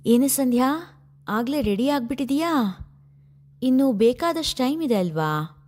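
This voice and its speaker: A woman's voice: fairly low pitch, fairly even intonation, moderate pace, warm tone, natural voice. A woman voicing a cheerful, chatty young female college student, bubbly and eager. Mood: teasing.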